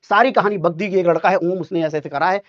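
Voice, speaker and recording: A teacher telling his students a childhood school story, dramatic and animated, putting on voices for the people in it. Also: high-pitched, quick pace. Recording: dull lo-fi sound.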